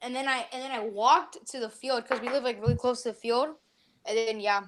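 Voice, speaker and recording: Woman, higher voice, hangout guest, deadpan trolling, casual. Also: a little fast, noisy background.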